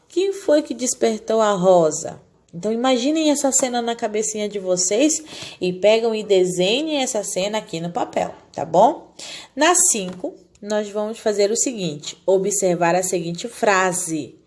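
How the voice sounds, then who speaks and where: A woman teaching a recorded lesson to young children. She explains patiently and keeps asking the class questions, then answers them herself. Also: mid-range voice. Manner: talks down gently to small children. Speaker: primary school teacher.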